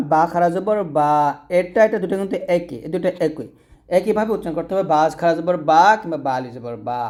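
Man teaching Quran reading, mellow voice. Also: high-pitched. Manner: explains step by step, asks and answers own questions, slows to spell out sounds. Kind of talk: spoken lesson to viewers.

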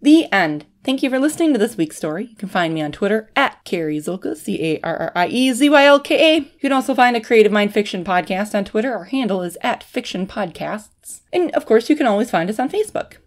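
A woman hosting a fiction podcast, reading a thriller story in a plain, steady way. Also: medium pitch, brisk, hardly any pauses. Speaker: podcast host and author.

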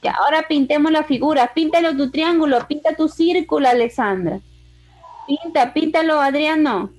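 A woman teaching a kindergarten class over a video call. She coaxes the children in a sing-song way and stretches words out slowly. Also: sits high, a little mellow. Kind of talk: online class for small children.

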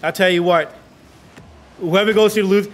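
A man casting esports play-by-play, calling the action in rapid, excitable bursts and sounding out of breath. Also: high-pitched. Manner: rapid excitable calls, rising to yells on goals. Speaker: play-by-play caster.

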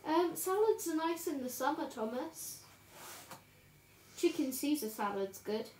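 A chatty woman in her thirties with a high, bright-sounding voice talks easily to her stream while she colours, laughing often and greeting viewers by name. Her voice carries a roomy echo from the home room around her, with a faint hiss of noise underneath. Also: animated, a little slow. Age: 30s. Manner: chatty and giggly, reading out viewers' names. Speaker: livestream host colouring on camera. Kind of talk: casual chat while colouring.

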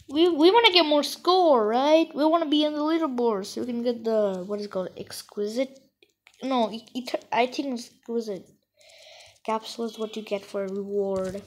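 A woman giving excitable, rambling let's-play commentary during a co-op game, playfully trash-talking her partner. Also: fairly high pitch, poor audio. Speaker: gamer playing co-op.

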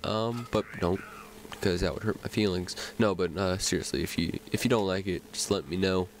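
A man's voice: low voice, normal speed, slight background noise, poor audio. A man talking over a video game he is playing, rambling along with lots of fillers, his nose a little stuffy. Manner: rambling, self-chatting, many fillers. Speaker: gaming commentator. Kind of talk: let's play commentary.

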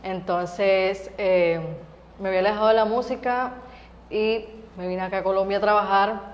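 A young woman from Venezuela talks about her music in a relaxed, lively way, laughing between phrases. Her voice sits in a middle range. The sound is a little dull and carries a long studio reverb. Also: medium pitch, moderate pace. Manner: lively, laughs often, many fillers. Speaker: singer, interview guest. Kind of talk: casual interview chat. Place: TV studio set.

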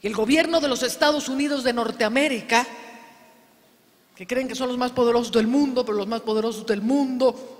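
A woman's voice: on the high side, a little fast. A woman preacher, delivering a fervent, dramatic sermon full of acted quotes. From Mexico. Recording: long reverb of a large hall.

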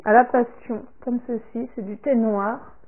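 A woman vlogger showing a product order in casual talk, halting and trailing off softly after each item. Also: on the high side, fairly even intonation. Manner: slow and halting, repeats "comme ceci" and "voilà", trails off softly. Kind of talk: casual unboxing talk to camera. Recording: tinny phone-like sound.

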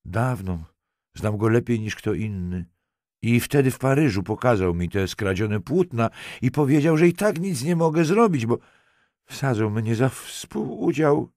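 A man's voice: medium pitch, animated, measured pace, gravelly, a little mellow, no room sound, voice pushed up. A man reading a young woman, teasing at first and later frightened and close to tears. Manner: teasing, then pleading and breathless.

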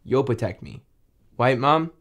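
A young actor playing a cheeky son in a comedy series, coy and evasive with the parents. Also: male voice, medium pitch, very animated, unhurried, a bit bright, exaggerated voice. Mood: coy, placating. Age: young adult. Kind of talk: scripted comedy series acting.

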